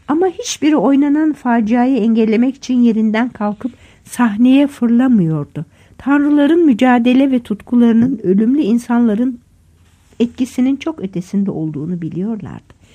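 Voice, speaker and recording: Husky-voiced woman narrating a dark tale. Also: fairly high pitch. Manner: dramatic, vivid first-person storytelling. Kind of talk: audiobook narration.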